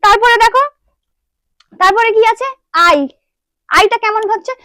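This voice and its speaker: A woman, teaching beginners in a patient classroom manner. She asks a question and then answers it herself. Her voice sits very high and sounds close and dry, with no room echo. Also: steady tone, fairly quick, pushed and bright. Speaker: English teacher. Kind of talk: classroom lesson.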